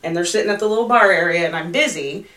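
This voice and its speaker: A woman's voice: fairly low pitch, fast talker. A woman co-hosting a casual podcast, telling stories from restaurant work and acting out the people in them. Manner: animated storyteller, acts out quotes loudly. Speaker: podcast co-host and server. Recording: roomy, distant from the mic.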